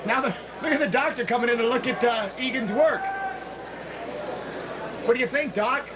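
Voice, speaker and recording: A man giving live play-by-play fight commentary in short, excitable phrases. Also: very high-pitched, moderate pace. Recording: very noisy arena, loud crowd.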